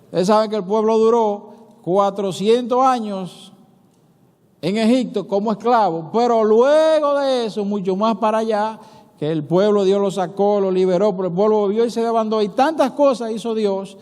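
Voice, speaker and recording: A Dominican pastor with a high voice preaches in an animated, conversational way and keeps asking the congregation questions. His words ring out with a long reverb inside the church sanctuary. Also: normal speed. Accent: Dominican Spanish. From Dominican Republic. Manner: animated storytelling, acting out dialogue between biblical figures. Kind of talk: sermon.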